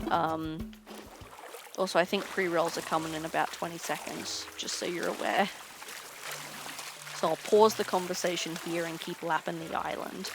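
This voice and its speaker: A young woman game streamer chatting casually while she plays, tired and low on energy, rambling with frequent ums. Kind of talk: casual chat while gaming. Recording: noisy game audio behind.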